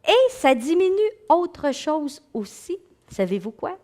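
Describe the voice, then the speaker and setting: Animated Québécoise speaker, high lively voice. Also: female voice, takes it slowly. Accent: Québécois French. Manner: animated, acts out inner voices, laughs with the audience. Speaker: psychologist and speaker giving a talk. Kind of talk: lively lecture to an audience.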